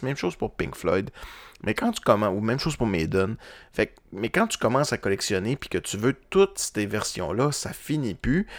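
A man's voice: lowish voice, dry recording, studio quality. Québécois man rambling about records. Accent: Québécois French. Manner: rambling, frequent fillers and restarts. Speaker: podcast host. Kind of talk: casual chat about vinyl records.

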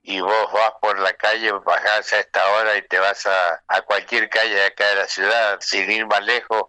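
An Argentine man from Mendoza, a singer guest on a radio interview, telling anecdotes warmly and acting out the voices of people he quotes. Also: on the low side, little pitch movement, normal speed, dry recording, poor audio.

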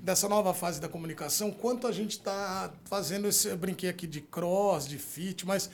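Brazilian male host, high-pitched voice, effusive and jokey, casual banter. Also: moderate pace. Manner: effusive, joking. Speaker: programme host. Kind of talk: casual chat.

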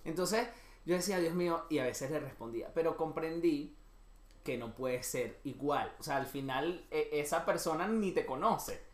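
Male comedian guest, expressive storytelling, echoey room. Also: a little high, normal speed. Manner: expressive storyteller, acts out his own reactions. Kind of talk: casual chat.

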